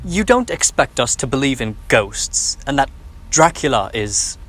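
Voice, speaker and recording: Young man acting Doctor Seward, husky animated sceptic. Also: mid-range voice, a little slow, dry recording. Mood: disbelieving. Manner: formal, protesting. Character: sceptical, proper male doctor urging calm. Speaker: actor in a school radio drama. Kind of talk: theatrical radio drama acting.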